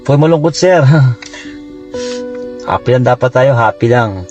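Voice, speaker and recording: Man, driver, gentle and reassuring, says sir a lot, mid-pitched voice, faint background music. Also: expressive, unhurried, highs cut off. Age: adult with school-age children. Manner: polite, reassuring, calls the listener sir constantly. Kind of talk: casual conversation with a passenger. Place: inside a car on a trip.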